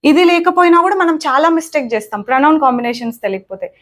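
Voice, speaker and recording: A woman's voice: high-pitched, animated, fast talker. A young woman teaching grammar in a spoken lesson on her words, repeating points and often checking in with "okay?". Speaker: English teacher.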